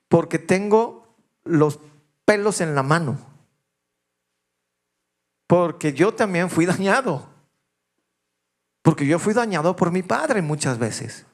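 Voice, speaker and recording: Male pastor, 50s, fairly high voice, confessional sermon delivery that moves from hushed to raised. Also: lively intonation, takes it slowly, pauses often. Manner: personal confessional storytelling, shifting between hushed and raised voice.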